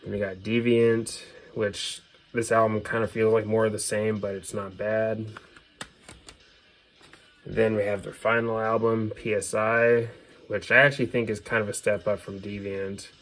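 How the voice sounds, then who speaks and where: A man hosts a video showing off his music CD collection, commenting casually and without a script, offhand and hedging his opinions. His voice is lowish, a little slow, and a bit bright, with little pitch movement. Background noise is clearly audible in the recording.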